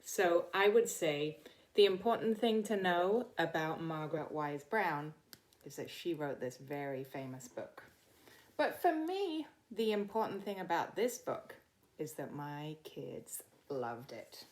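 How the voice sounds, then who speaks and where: A middle-aged woman with a low voice reads a picture book aloud at storytime, unhurried but very animated. She speaks simply and directly to the young children listening.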